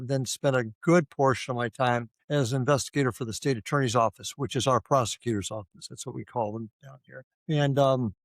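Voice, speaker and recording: A man's voice: mid-range voice, dry recording. An older man from Ohio, a retired police officer, talking casually as a guest with lots of fillers and restarts. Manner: rambling with many fillers and restarts. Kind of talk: casual interview conversation.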